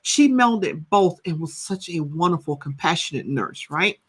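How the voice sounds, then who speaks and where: A woman's voice: fairly low pitch, measured pace, slightly rough. A woman in her fifties, a counselor and coach, talking animatedly in a podcast interview and often checking in with "right?". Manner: animated storytelling, rhetorical "right?".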